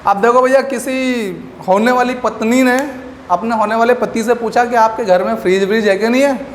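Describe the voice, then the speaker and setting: High-voiced teacher, echoey room. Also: male voice, normal speed. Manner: animated, asks questions and answers them himself. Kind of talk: classroom lecture with memory tricks. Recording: echoey room with faint background noise.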